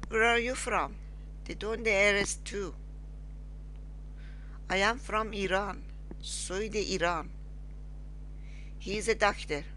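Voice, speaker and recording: A woman with as her teaching a beginners' lesson, halting and repeating words slowly. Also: mid-range voice, sharp tone, a little hiss or hum. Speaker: language teacher. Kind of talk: slow screen-recorded lesson.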